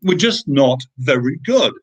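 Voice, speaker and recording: A man's voice: mid-range voice, very animated, measured pace, breathy edge. A British man, a guest in an interview, telling a story in a conversational way: emphatic, with frequent fillers and restarts.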